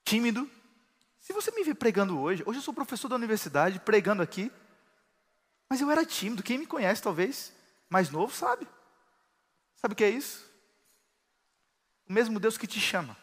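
A man preaching a sermon as pastor, building to shouts of praise. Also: sits high, sing-song, normal speed, pauses often, husky, big-room sound.

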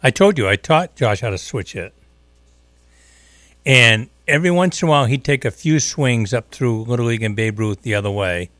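A man's voice: medium pitch, lively intonation, normal speed, fairly bright tone, no room sound. A middle-aged or older man co-hosting a radio show, telling casual anecdotes and bantering. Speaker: radio co-host. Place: dry radio studio.

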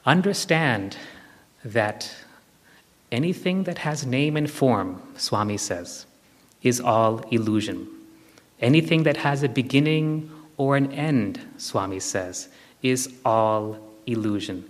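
A man's voice: mid-range voice, expressive, takes it slowly. A man giving a spiritual discourse and guided meditation, repeating short phrases for emphasis and putting probing questions to his listeners. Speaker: spiritual teacher. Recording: long hall reverb.

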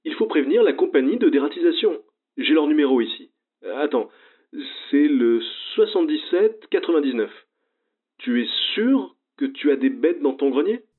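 A man's voice: on the high side, big pitch swings, moderate pace, voice pushed up. A man voicing a worried older woman friend speaking over a phone filter, hesitant and fretful. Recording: tinny phone line.

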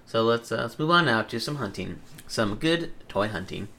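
A man's voice: fairly low pitch, lively intonation, moderate pace, pushed and bright. Crude, joking young male podcast host. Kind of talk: casual podcast banter.

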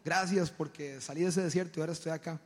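A man's voice: a little high, steady tone, fast, big-room sound. A man giving a sermon-style testimony talk to a congregation. He tells stories animatedly, often stumbling and repeating words. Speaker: church speaker.

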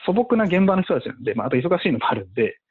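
Male investor guest, animated, husky, tinny phone-like sound. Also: high-pitched, rapid-fire. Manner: animated, many fillers, acts out quotes. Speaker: venture investor. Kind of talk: casual podcast conversation.

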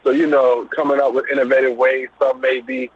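Speaking fairly quickly in a level, medium-pitched voice, a middle-aged Brooklyn man with a New York accent chats about where he comes from. The casual interview runs over a phone-like line with slight background noise, and this business owner is relaxed, with lots of loose fillers.

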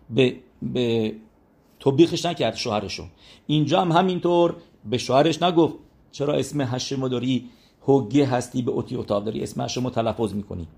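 A man's voice: medium pitch, darkish tone. Persian-speaking man teaching a Talmud lesson. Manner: storytelling, often repeats "he says". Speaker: religious teacher.

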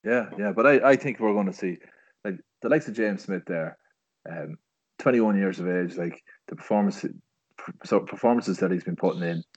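A man's voice: low voice, moderate pace. A man with an Irish accent giving casual sports analysis as a podcast pundit. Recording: dry but slightly dull podcast audio.

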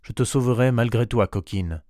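A man playing a worried old goat farmer who pleads and exclaims, louder and higher than his narrating voice. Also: moderate pace, no room sound, studio quality, natural voice. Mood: alarmed. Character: anxious old male goat farmer, fretful and doting.

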